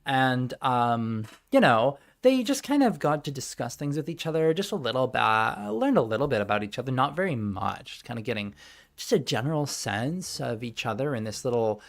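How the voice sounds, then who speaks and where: Game master all over the place pitch-wise, cussing and giggling, valley girl drawl. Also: very animated, moderate pace. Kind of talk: casual chat and game narration.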